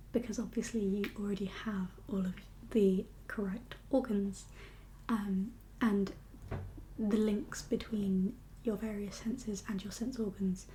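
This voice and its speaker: In a whispered ASMR roleplay, a woman plays a doctor, her mid-range voice breathy, soft and reassuring with a hint of hesitation, as in a consultation. The audio is poor, with a little hiss or hum.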